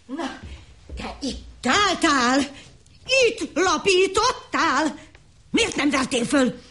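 An actress playing a scolding farm wife who has been robbed, in a radio play. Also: female voice, expressive, pushed and bright. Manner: shrill, scolding.

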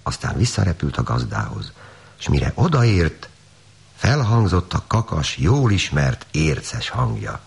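A male storyteller with a very low, husky voice reads a farmyard fairy tale. His delivery swings widely in pitch, animated and expressive throughout.

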